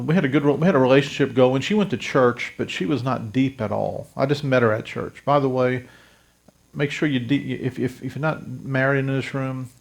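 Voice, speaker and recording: Addressing his congregation directly, a South Louisiana pastor in his fifties tells his story with earnest conviction in a testimony sermon. There's a gravelly edge to his voice, which sits at an ordinary pitch for a man.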